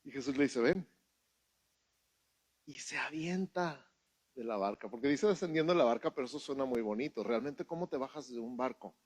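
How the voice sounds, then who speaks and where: A man's voice: medium pitch, a little fast, no echo. A man with a Mexican accent preaching a sermon at a church service, telling stories and acting out what people said. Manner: animated storytelling with acted-out quotes. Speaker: pastor.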